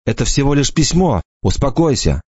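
A man's voice: medium pitch, sing-song, moderate pace, a little mellow, breathy edge, no echo, voice pushed up. A male narrator voicing a scared young man who stammers and pleads while held at knifepoint, in a dull, dry recording. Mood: desperate insisting.

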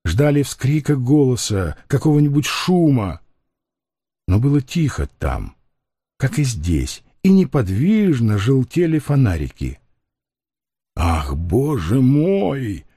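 Male audiobook narrator, grave and measured, mellow dark voice. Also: mid-range voice, sing-song, breathy edge, dry recording, studio quality.

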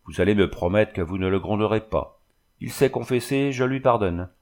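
A man voicing a kindly, gently firm village priest who coaxes and scolds like a father, in a storybook reading. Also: lowish voice, moderate pace, close to an everyday voice. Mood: persuading. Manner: coaxing, paternal scolding.

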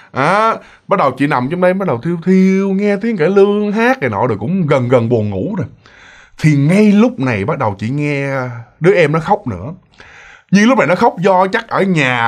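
A man telling a ghost story casually, animated and full of exclamations and fillers. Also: fairly high pitch.

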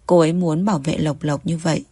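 A woman narrating a novel in a steady, measured reading voice. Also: deep voice, breathy edge, dry recording. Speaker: audiobook narrator.

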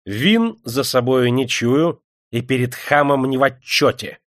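A man's voice: medium pitch, a little slow, fairly bright tone, dry recording, clean studio sound, close to an everyday voice. A man putting on a haughty, spiteful noblewoman. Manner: proud, venomous outbursts. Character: haughty, spiteful noble widow, middle-aged.

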